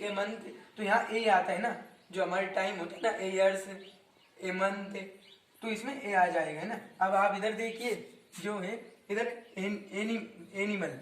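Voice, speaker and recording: In a Hindi grammar lesson, a high-voiced young teacher speaks a little slowly with fairly even intonation, repeating words and quizzing the class while frequently fixing his own slips. Standing back from the mic, he comes across with a roomy echo and faint background noise.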